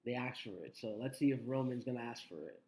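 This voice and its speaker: A man's voice: mid-range voice, lively intonation, fast, dark tone. A man co-hosting a casual wrestling podcast, laid-back and reacting with short remarks. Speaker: podcast co-host. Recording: faint background noise.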